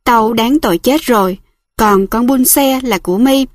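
Picture a stern, grieving older village man who speaks in blunt commands and whose pitch sits a little high, as a woman reader puts him on. The reading comes across plainly, close and dry in an audiobook style. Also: measured pace, dry recording, lightly acted.

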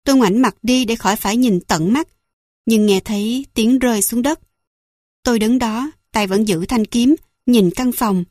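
A woman with a fairly high voice narrates a first-person fantasy audiobook. Her reading is dramatic and emotional. The sound is dry and close. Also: normal speed, darkish tone, no room sound.

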